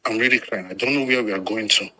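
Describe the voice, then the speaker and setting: A Lagos man with a Nigerian accent calls into a radio phone-in, talking fast in a fairly low, bright, forceful voice. Agitated and emphatic, he speaks off the cuff, repeats himself, and slips in some Pidgin.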